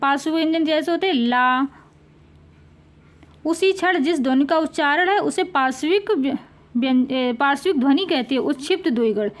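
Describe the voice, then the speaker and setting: A woman teaching a grammar lesson for exam preparation, repeating each sound and word slowly for her pupils. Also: sits high. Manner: slow, drawn-out repetition of sounds and words for pupils.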